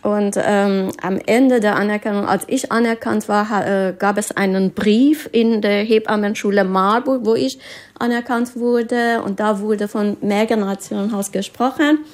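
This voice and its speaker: A woman from Iran speaks at an average pitch. She talks hesitantly, with phrasing and frequent pauses. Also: steady tone. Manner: hesitant, non-native phrasing. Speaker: midwife, interview guest. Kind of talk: conversational interview.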